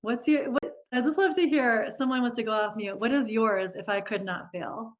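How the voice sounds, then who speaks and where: A woman's voice: on the high side, normal speed. A woman leading a live online group coaching session, upbeat and encouraging, often laughing as she talks to participants. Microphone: video call. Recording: dull lo-fi video call audio.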